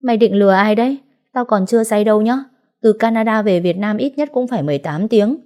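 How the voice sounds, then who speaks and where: A woman voicing a brash, heartbroken young woman who speaks loudly and bluntly in speech, as an audiobook character. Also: on the low side, expressive, normal speed. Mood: emotional. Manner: loud, blunt, emotional.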